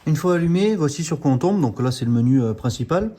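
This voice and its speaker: A man's voice: fairly high pitch, animated, fast, dark tone. A man hosting a car channel, giving a hands-on product demonstration in an explanatory way, often hesitating with fillers and restarting words. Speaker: car channel host reviewing a diagnostic tool.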